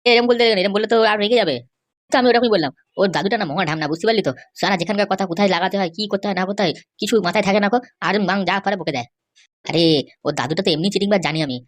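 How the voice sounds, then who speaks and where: Woman plays a young cartoon man, fast and rambling, worried. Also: mid-range voice, natural voice. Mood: grumbling. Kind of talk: cartoon voice acting.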